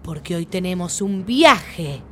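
A woman's voice: on the low side, lively intonation, slow, big-room sound. A woman with an Argentine accent co-hosting a children's radio show in playful, theatrical banter, drawing out her words.

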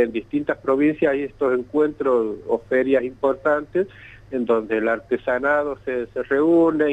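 Man over a bad phone line. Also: mid-range voice. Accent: Santiago del Estero Argentine Spanish. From Santiago del Estero, Argentina. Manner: hesitant, repeats words often. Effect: bad phone connection. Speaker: event organizer. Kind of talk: phone-in radio interview. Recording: tinny, choppy phone line.

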